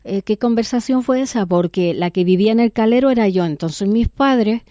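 A woman's voice: medium pitch, a little fast, mellow, no echo, clean studio sound. A woman radio host, born in Venezuela, chatting easily with a caller and interjecting often.

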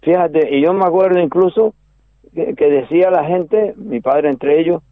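A man's voice: fairly high pitch, moderate pace, no room sound. Older Canarian man on a phone line. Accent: Canarian Spanish. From Canary Islands. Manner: rambling, reminiscing with many restarts. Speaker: caller. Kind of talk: casual radio phone chat.

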